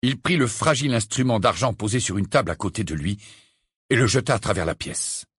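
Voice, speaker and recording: A man narrating an audiobook in an expressive, dramatic reading. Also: on the low side, a little fast, husky, no echo, studio quality. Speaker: audiobook reader. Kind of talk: scripted narration.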